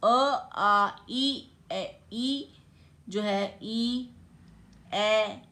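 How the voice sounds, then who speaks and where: A woman teaches a grammar lesson at a middle pitch. She explains patiently and spells words out letter by letter. She often stops to make sure her students have followed. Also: extremely slow, sharp tone. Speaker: English teacher.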